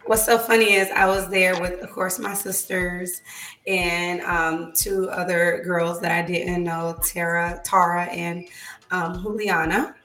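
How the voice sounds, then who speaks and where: Hoarse woman hosting, voice nearly gone. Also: fairly low pitch, level tone, a little slow, a bit bright, reverberant. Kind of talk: casual co-hosted chat show.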